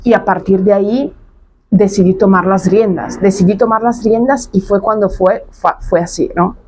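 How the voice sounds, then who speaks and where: A woman's voice: medium pitch, steady tone, normal speed, darkish tone, slight background noise. A woman in her thirties, a coach talking straight to camera in a casual monologue, emphatic and blunt, repeating her points and dropping slang. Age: 30s.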